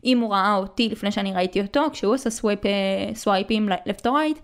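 Casting: early-20s woman, Israeli accent, medium pitch, casual slangy podcast host who mixes in English. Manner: slangy, conversational, with English words mixed in. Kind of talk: casual chatty monologue.

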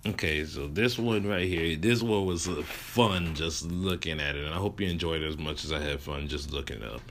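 A man's voice: extremely low pitch, normal speed, a bit bright, slight background noise. A man hosting a casual storytelling show, rambling with many restarts and fillers, chuckling at his own stories. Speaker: podcast host telling stories.

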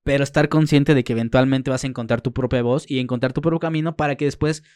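A man's voice: medium pitch, fairly even intonation, fast, darkish tone, smooth, no room sound, clean studio sound. A man hosting a podcast, asking long, rambling questions in heavy slang. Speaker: podcast host. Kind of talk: casual interview chat.

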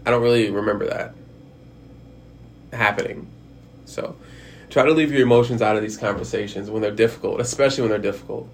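A man's voice: lowish voice, steady tone, a little fast, long pauses, a little hiss or hum. A man talking casually and frankly about handling hard conversations, rambling with frequent restarts and the odd swear word. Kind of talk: casual advice monologue.

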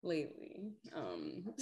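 A woman's voice: medium pitch, vocal fry. Laughing Californian woman with a valley girl voice. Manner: animated, laughs often, acts out quoted lines. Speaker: podcast co-host. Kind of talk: casual chat.

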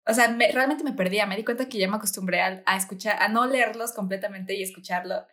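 Young woman, easygoing podcast co-host, slangy, mid-pitched. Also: fast talker. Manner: relaxed, mixes in English slang. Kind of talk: casual chat.

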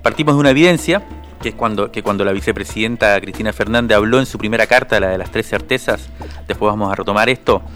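A journalist with a fairly low voice talks through politics on a radio show. He is loose and conversational, and he often pauses and restarts his sentences. Soft music sits in the background. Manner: conversational, hesitant with fillers and restarts. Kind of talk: casual political commentary.

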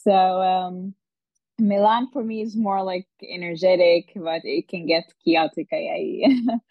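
Low-voiced woman, halting remote guest. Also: dry recording. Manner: halting, thoughtful, many pauses. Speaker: podcast guest. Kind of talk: casual remote interview talk. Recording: dull, dry remote call audio.

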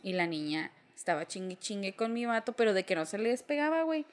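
A woman's voice: mid-range voice, very animated, fast. A young woman with a Mexican accent telling a story in casual chat, blunt and full of slang, acting out the people she quotes.

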